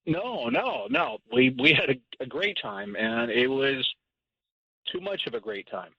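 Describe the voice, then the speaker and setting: A hesitant man stammers and laughs nervously on a phone call. His voice is gravelly and husky and swings up and down a lot. The line sounds dull and lo-fi. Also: mid-range voice, huge pitch swings, measured pace, no echo. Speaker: caller on a radio prank segment. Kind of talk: phone conversation.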